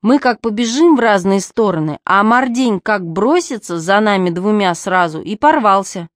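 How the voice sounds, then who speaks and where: A woman voicing excitable twin girls who chatter breathlessly over each other. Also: mid-range voice, normal speed, no room sound, studio quality, lightly acted. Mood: excited.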